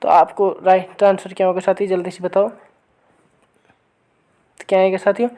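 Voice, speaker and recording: A woman teaching an online grammar lesson, who keeps asking her viewers for the right answer and reads each sample sentence slowly and again. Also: medium pitch, level tone, mellow. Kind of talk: online exam-prep lesson.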